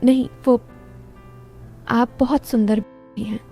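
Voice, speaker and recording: A shy young man, bashful and hesitant, talking a little high for a man, voiced by a woman telling the story. The tone is soft and mellow, with faint music underneath. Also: fairly even intonation, slow pace, creaky.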